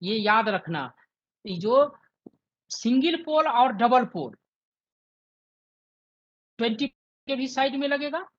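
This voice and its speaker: A man's voice: very high-pitched, muffled recording. A man in his fifties teaching an online class, who keeps checking with his students and repeating his points.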